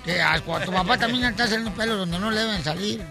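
A man hosting a radio comedy show, joking playfully and shouting hype calls between jokes. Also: high-pitched, fast talker, gravelly, music in the background.

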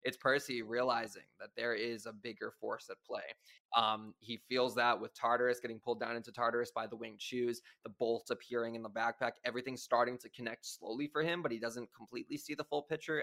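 A man's voice: medium pitch, steady tone, fairly quick, creaky, pushed and bright. A man hosting a podcast, talking through details in an enthusiastic, analytical way in casual chat. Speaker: podcast host.

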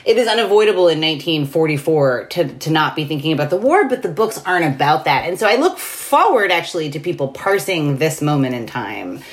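A woman born in New York City, hosting a casual conversation and talking in an animated way with many fillers. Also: a little fast, few pauses. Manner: animated, many "like" fillers, big pitch swings.

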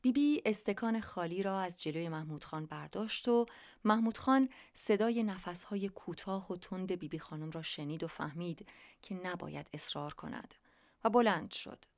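A woman narrating a short story aloud in a calm, even storytelling manner. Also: fairly low pitch. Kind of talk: storybook reading.

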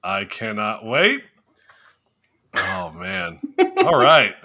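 A man hosting a casual chat among friends, excitable and easily amused. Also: lowish voice, extremely slow, a crowd in the background. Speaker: podcast host.

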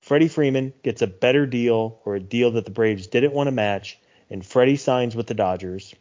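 A man's voice: medium pitch, moderate pace, darkish tone. A man co-hosting a sports podcast, speaking earnestly and reflectively with plenty of fillers. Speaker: podcast co-host. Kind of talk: casual sports podcast talk. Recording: muffled lo-fi podcast audio.

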